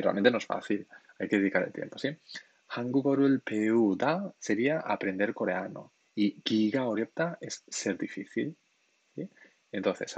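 A husky-voiced man whose first languages are Spanish and Catalan teaches Korean on a livestream, reading questions from the chat. His voice is lowish, with no echo and lo-fi sound. He is patient and explanatory, often checking in with "¿sí?".

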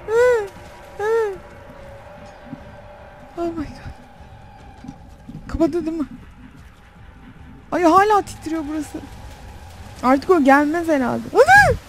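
A woman's voice: sits high, measured pace, long pauses, background noise. A young woman playing a horror game on facecam, talking to herself and shrieking when frightened. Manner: jumpy, talks to herself, shrieks when scared. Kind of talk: let's play commentary. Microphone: desk mic with facecam.

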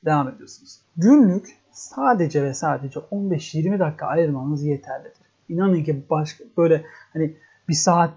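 A teacher with a husky, mellow voice talks through a casual lesson, taking each point step by step and posing questions to answer them. The recording sounds slightly dull and lo-fi. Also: medium pitch, normal speed. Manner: explains step by step, asks itself rhetorical questions. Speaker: English teacher.

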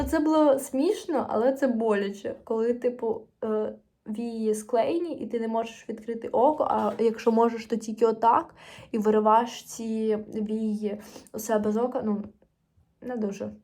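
A woman's voice: on the high side, mellow. A teenage girl from Ukraine vlogging casually to camera, chatting in a rambling way with fillers and restarts. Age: teens.

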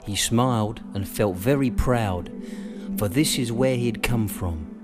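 A man narrating a children's audiobook in an expressive storytelling manner with dramatic pauses. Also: lowish voice, over music. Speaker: voiceover artist.

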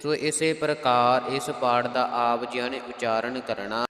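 A man with a Punjabi accent who teaches scripture recitation. He chants verses in a slow, melodic way and then explains their pronunciation in quick spoken asides. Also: medium pitch, level tone, a bit bright. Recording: echoey hall sound.

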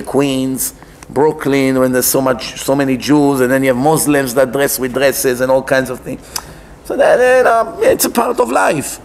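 Indoors at a lectern in a wood-panelled synagogue, a rabbi with a high voice and Israeli accent sits giving a religious lecture in a conversational, preaching way. He explains emphatically, poses rhetorical questions and repeats phrases.

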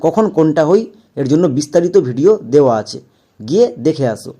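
A man speaks quickly and with animation, in a slightly high voice with a dark tone, as he teaches English pronunciation by video. Working methodically, he spells out words one letter at a time and repeats the main rules for emphasis.

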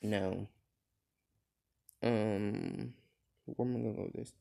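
A young man improvising a fan-fiction story out loud, rambling with many fillers and restarts. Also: lowish voice, steady tone, slow pace, creaky.

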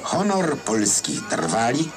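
A man's voice: mid-range voice, wildly swooping pitch, slow. A man reads scripted old newsreel narration in a wry, ironic manner. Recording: newsreel soundtrack with loud music behind. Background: music.

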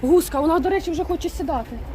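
A homestead keeper chats casually for a farmyard vlog while coaxing and talking to her hens and geese in a poultry coop. Her voice is very high-pitched and dark-toned, and she speaks in rapid bursts. Clucking hens make the farmyard recording noisy.

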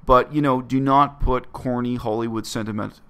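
Gravelly earnest man. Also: medium pitch, fairly even intonation, moderate pace, fairly bright tone. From Canada. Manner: earnest, emphatic, blunt. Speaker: vlogger. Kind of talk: reflective personal monologue to camera. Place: small bedroom, indoors.

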